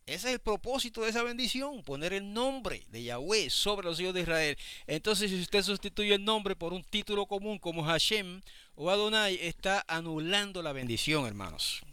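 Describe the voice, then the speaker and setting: Guy preaching a sermon, bright clear voice, keeps asking the people if they follow. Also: sits high, animated, moderate pace, no echo. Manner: explanatory, asks listeners rhetorical questions. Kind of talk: sermon teaching.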